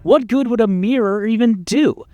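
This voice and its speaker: A man plays a pompous, exasperated narrator guiding the hero in a video game, condescending, articulate and dryly sardonic. His voice is extremely high-pitched and warm at normal speed, with no room sound and the highs cut off.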